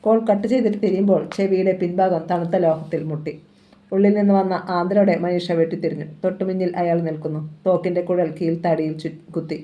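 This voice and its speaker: A woman reads a crime thriller novel aloud in an even, measured way. Her voice sits low and sounds mellow and relaxed throughout the narration. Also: muffled recording. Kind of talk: audiobook novel reading.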